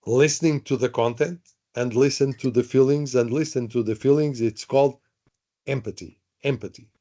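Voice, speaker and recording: A man's voice: mid-range voice, fairly even intonation, moderate pace, dark tone. A man teaching a live online workshop, chatty, repeating himself and asking the audience questions. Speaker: webinar trainer. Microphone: video call. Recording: dull lo-fi online call audio.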